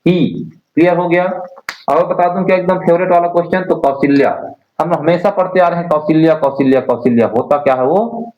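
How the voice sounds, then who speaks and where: A man's voice: fairly high pitch, brisk. A male teacher leading an online Hindi spelling class, repeating words and quizzing his students. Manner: drills words by repeating them, asks students questions. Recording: roomy, dull lo-fi sound.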